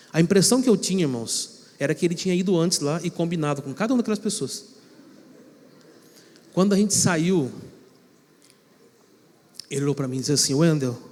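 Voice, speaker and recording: Male pastor, high voice, lively swings in pitch, long church reverb. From São Paulo state, Brazil. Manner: animated storytelling, acting out quotes. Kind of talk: sermon with personal story. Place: church sanctuary.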